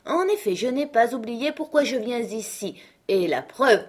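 A woman's voice: on the high side, lively intonation, a little slow, slightly rough, pitched above the performer's own voice. A woman reading the part of a witty, mocking uncle, ironic and emphatic, in an audiobook. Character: witty, mocking uncle who fights a duel.

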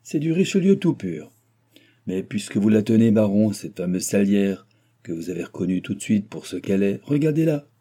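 A man's voice: fairly low pitch, very animated, moderate pace, mellow, husky. A man voicing a choleric, sarcastic old nobleman who has lost his fortune, talking in a blustering, mocking way.

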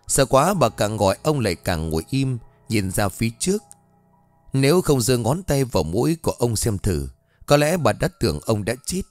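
A man narrating a scripted ghost story in an expressive, dramatic reading. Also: medium pitch. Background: faint background music.

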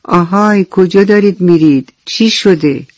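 A man voicing a fussy, self-centred male grasshopper in a children's radio story, who shouts out of his window and shrugs off others' trouble. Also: fairly high pitch, steady tone, vocal fry, dry recording, muffled recording. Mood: calling out.

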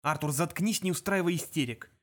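A quick-witted alien schemer who talks urgently and sharply, as a man reads him. His voice is moderately high. It is performed as an audiobook character. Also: animated, close to an everyday voice. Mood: desperate.

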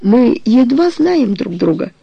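A reader voicing a tired young woman in love who answers softly and hesitantly, in an audiobook. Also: fairly high pitch, very animated, takes it slowly, gravelly, slightly rough, no echo, lo-fi sound, voice pushed up, full character voice. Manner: soft, faint, hesitant. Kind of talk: audiobook character reading.

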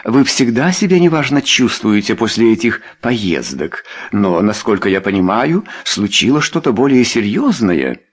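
A man reading an audiobook, voicing a high-strung, reproachful aristocratic mother in a raised voice. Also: very animated, normal speed, few pauses, breathy edge. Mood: alarmed.

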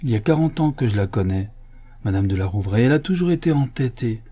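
A man's voice: medium pitch, lively intonation, quick pace, warm tone, husky. A man reading an audiobook, voicing an irritated old grandmother who exclaims with indignation.

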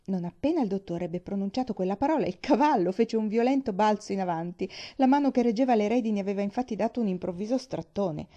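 A woman reads a storybook aloud in a gentle, measured way. Her voice is warm and mellow rather than bright, sitting at a middle pitch. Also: lively intonation, dull audio. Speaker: audiobook reader. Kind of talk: storybook narration.

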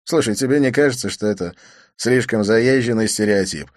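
A man voicing a calm, polite young Russian man who talks smoothly and quickly. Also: on the low side, dry recording, clean studio sound, natural voice.

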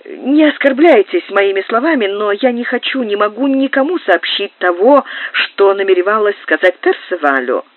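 An emotional young countess in an audiobook, high-strung and pleading, as a woman reader puts her on. Her voice jumps about with lots of lift and swing. The sound is narrow and phone-like, and completely dry. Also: expressive, normal speed, hardly any pauses, no room sound, close to an everyday voice. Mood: agitated. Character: agitated young noblewoman, a countess in love.

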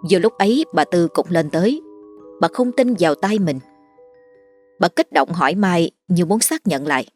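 A woman hosts a late-night ghost story hour and narrates politely and steadily. Her voice sits on the low side. Soft music plays faintly underneath. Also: expressive, normal speed, dry recording. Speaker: storyteller host. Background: faint background music.

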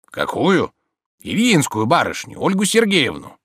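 A stubborn old manservant, as a male narrator puts him on, grumbling and ironic, his voice raised higher and louder than the reader's own. He talks in a lively, swooping way, and the recording is close and dry. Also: unhurried, slightly rough, no room sound, exaggerated voice.

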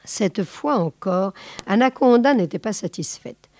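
Slow measured woman reading a tale. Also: mid-range voice, lively intonation, a little mellow, no room sound. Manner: measured, unhurried. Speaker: reader of stories.

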